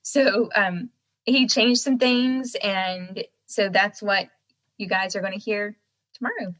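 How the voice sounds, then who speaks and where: A woman's voice: mid-range voice, steady tone, slow pace, fairly bright tone, poor audio. An American woman chatting casually as a podcast guest, talking out of one side of a swollen mouth and laughing as she goes. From United States. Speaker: podcast guest, singer-songwriter. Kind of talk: casual chat.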